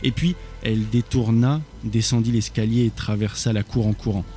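A man reading a thriller aloud as narrator, steady with small slips. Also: lowish voice, normal speed, faint music behind.

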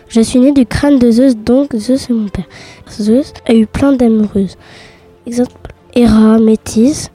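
A woman's voice: a little high, dark tone. A woman voicing a proud goddess of wisdom and war who teases her listeners. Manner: cheeky, teasing the listeners. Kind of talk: reciting a mythology monologue.

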